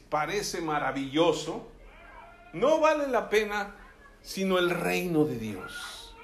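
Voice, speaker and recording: A male preacher giving a sermon, reading scripture aloud and often checking in with his listeners. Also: sits high. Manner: keeps asking the listeners "¿sí?"; reads scripture aloud with emphasis.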